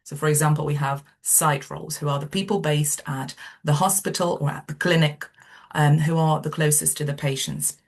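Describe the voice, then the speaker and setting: Woman from Romania, middle-aged, low voice, recruiter presenting over a video call with frequent ums. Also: steady tone, normal speed, gravelly. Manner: hesitant, many ums. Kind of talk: webinar presentation.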